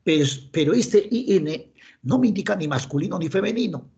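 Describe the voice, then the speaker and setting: A male teacher with a Peruvian Spanish accent lectures on grammar in a gravelly, slightly raised voice. He quizzes himself aloud and answers in the voices of his students. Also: high voice, animated, brisk, darkish tone, highs cut off.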